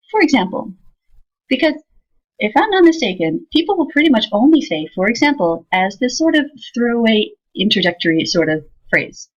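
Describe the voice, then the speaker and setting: A woman teaching a software tutorial in a casual way, thinking aloud with fillers as she demonstrates. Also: medium pitch, breathy edge. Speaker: instructor. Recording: slightly dull lo-fi sound.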